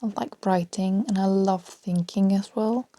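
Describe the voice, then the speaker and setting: On her solo podcast, a Danish-accented woman rambles freely in a soft voice that often sinks to a half-whisper, with little laughs between her thoughts. Her voice is mid-range with fairly even intonation, a little slow, and there is no echo.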